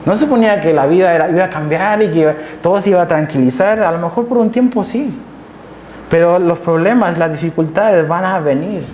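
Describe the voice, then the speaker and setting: A man's voice: high-pitched, brisk, darkish tone, a little hiss or hum. A male pastor preaching an emphatic sermon to a live congregation, repeating key phrases and checking in with his listeners. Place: church hall, live service. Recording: echoey church hall with faint ambience.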